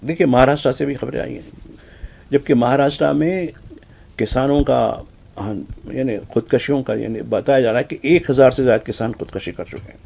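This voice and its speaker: A man with a Hyderabadi Urdu accent giving conversational news commentary on the papers, animated, acting out the exchanges he quotes. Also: vocal fry. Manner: animated, acts out quoted exchanges with shifts in pitch. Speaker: news commentator reviewing newspapers.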